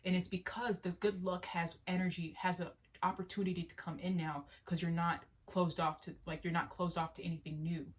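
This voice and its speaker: A woman's voice: lowish voice, little pitch movement, a little fast, few pauses. A young woman with a stuffy nose giving a casual, earnest tarot reading, rambling with restarts and little laughs. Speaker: spiritual tarot reader. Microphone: solo video to camera.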